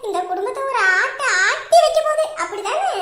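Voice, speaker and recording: A woman's voice: very high voice, lively intonation, brisk. A woman acting as a nosy, gossiping neighbor in a comedy skit. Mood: gossipy. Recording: echoey with music behind.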